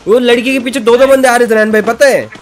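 A man playing on a gaming squad, cheering and firing off quick repeated callouts. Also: very high-pitched, steady tone. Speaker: squad teammate. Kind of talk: live gameplay chat with callouts. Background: game music.

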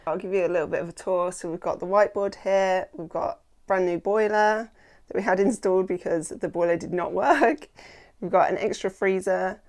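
A woman's voice: fairly low pitch, moderate pace, darkish tone. A woman in her thirties chatting enthusiastically on a renovation vlog, recorded indoors at home on a lapel mic. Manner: enthusiastic, chatty, lots of ums. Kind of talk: casual vlog narration. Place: house under renovation, indoors.

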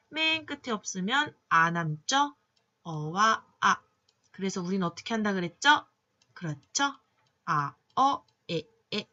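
A woman teaching English phonics in a patient classroom manner, slowly sounding out each letter and cueing students along. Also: on the high side, bright, forceful tone, dull audio. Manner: patient, drawn-out sounding of letters, many "자" cues. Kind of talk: slow classroom phonics lesson.

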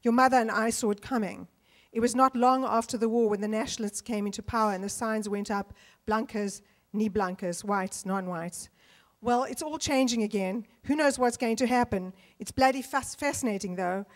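A woman from South Africa reads from her novel on a panel stage, speaking into a handheld microphone. Between passages she talks haltingly with many ums and uhs. The sound is of a large auditorium. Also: on the high side. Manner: hesitant, filler-heavy between readings. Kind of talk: literary reading on a panel. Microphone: handheld mic.

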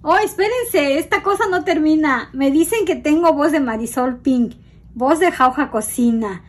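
A middle-aged Mexican woman with a Mexican accent, hosting a casual cooking video and talking frankly and warmly to her viewers as friends. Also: high-pitched, moderate pace. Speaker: cooking channel host.

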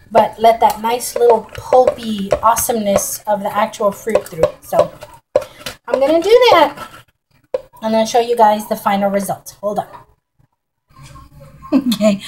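A middle-aged woman with a drawl, talking her viewers through a home recipe in a relaxed, folksy way and calling them y'all. Her voice sits fairly high for a woman. A camera on the kitchen counter picks her up close, with a faint hiss of noise underneath. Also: rough recording. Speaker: home cooking vlogger. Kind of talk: casual cooking demonstration.

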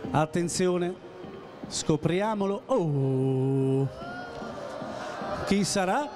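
Male quiz host, forties, high projected voice, announcing, handheld mic, busy mall with music. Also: measured pace. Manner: Italian quiz host, announcing and building suspense; projecting, directing children with repeated short commands. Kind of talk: live event hosting to children and audience. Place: busy indoor shopping centre atrium. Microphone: handheld microphone. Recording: live PA with music and crowd noise.

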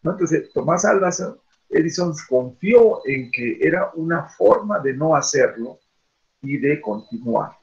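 Man, teacher on a video call, gravelly tone, slightly high voice, dull lo-fi audio. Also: expressive, a little slow. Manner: rambling, many "este" fillers and rhetorical questions. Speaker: teacher leading an online class. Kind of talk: classroom talk over a video call.

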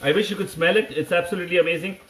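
A man in his thirties with an Indian accent hosts a casual cooking livestream. His voice sits a little high, and he repeats short phrases as he chats to viewers. The room around him is clearly echoey. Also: racing, fairly bright tone, slight background noise. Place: home kitchen, indoors. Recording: echoey room, phone mic.

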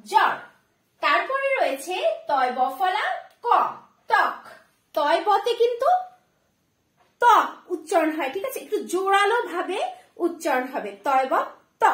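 A woman teaching a spelling lesson at a whiteboard, patient and slow, repeating each sound and checking that her students follow. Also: extremely high pitch, reverberant.

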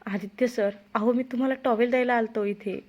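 A woman's voice: on the high side, steady tone, brisk, darkish tone, lightly acted. A woman reading the part of a timid, respectful male household servant who sounds flustered. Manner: flustered, deferential. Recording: dull lo-fi recording.

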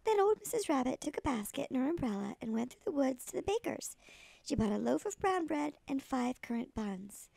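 A sweet older woman with a thin, creaky voice, reading a children's story expressively like a kindly storyteller. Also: high voice, big pitch swings, fairly quick, darkish tone, dry recording. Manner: sweet old lady.

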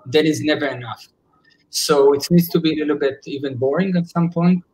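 A man in his forties speaks through a laptop webcam from home, his voice sitting a little high. He is earnest and thinks out loud, with frequent false starts and repeated words as he works his ideas out. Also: a little fast, poor audio. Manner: earnest, searching for words with many restarts. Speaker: psychologist. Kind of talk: casual video call discussion. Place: indoors at home. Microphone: laptop webcam on a video call.

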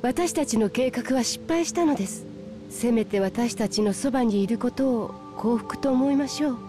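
A woman's voice: a little high, natural voice. An actress playing a composed, caring female water spirit in a video game, speaking politely and formally. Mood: resigned, caring. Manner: polite, measured formal speech. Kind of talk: Japanese RPG cutscene voice acting. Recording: game soundtrack music behind.

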